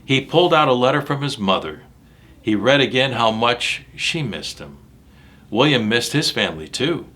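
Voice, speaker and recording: Here a man with a mid-range, fairly bright voice reads a picture book to kids at a moderate pace, and he is very animated. Dramatic and emphatic, he talks directly to the young listeners and throws in asides about what the pictures show.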